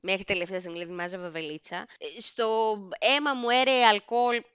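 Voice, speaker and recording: A young woman hosting a podcast, telling comic personal stories in an animated, self-mocking and dramatic way. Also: medium pitch, smooth, no echo. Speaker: podcast host. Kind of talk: comedic personal storytelling. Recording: dull lo-fi recording.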